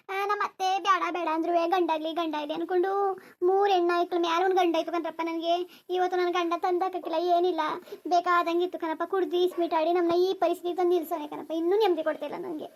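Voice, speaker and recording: A woman's voice: very high-pitched, flat delivery, fast talker. A woman hosting a cartoon channel, signing off with friendly, direct appeals to viewers. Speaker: channel host. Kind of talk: channel sign-off.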